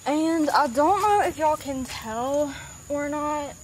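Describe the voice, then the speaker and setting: Speaking slowly in a high voice, a Southern US vlogger rambles casually at an outdoor horse barn, leaning heavily on fillers like "um" and "like" and baby-talking her horse. The handheld camera audio is poor, with slight background noise.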